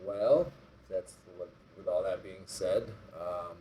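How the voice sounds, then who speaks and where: A man's voice: low-pitched, steady tone, takes it slowly, mellow, slight background noise, rough recording. A man hosting a casual chat, joking and giving short encouraging replies. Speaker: podcast host.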